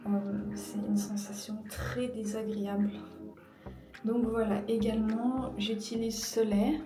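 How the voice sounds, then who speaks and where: 30s woman chatting through her skincare routine, pretty monotone, lots of ums, echoey room, mic a bit far, music playing. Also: medium pitch, unhurried. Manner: hesitant, many fillers, searches for words. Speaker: beauty vlogger. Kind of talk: casual skincare tutorial.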